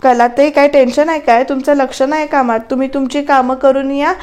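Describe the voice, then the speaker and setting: A woman's voice: sits high, steady tone, fairly quick, darkish tone, lightly acted. A woman reading a kindly housemaid. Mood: concerned. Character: kindly female housemaid, helpful and gentle.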